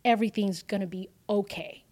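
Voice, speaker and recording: A woman in whispered role-play, voicing a kind, gentle gray-haired woman in a slow, breathy whisper. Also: medium pitch, fairly even intonation, lightly acted. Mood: reassuring.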